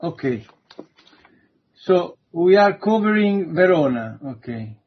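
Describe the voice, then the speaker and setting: A man's voice: high voice, very animated, lo-fi sound. A man giving an online introductory university lecture, hesitant and full of fillers. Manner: slow, hesitant, many fillers.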